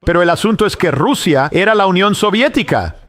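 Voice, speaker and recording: A man giving a sermon as a Bible teacher, explaining and reasoning step by step in a measured way. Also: sits high, expressive, fairly bright tone.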